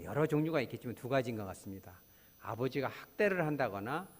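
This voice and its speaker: A man's voice: mid-range voice, big-room sound. A man preaching a midweek sermon as a pastor, asking the congregation questions and acting out voices he quotes. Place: church.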